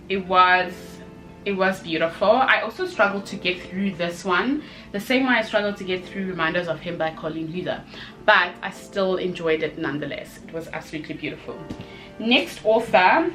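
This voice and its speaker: A woman hosts a video, reviewing something to camera in a casual, chatty way that is expressive and emphatic, full of short exclamations and repeated phrases. Her voice is on the low side, and the recording is rough.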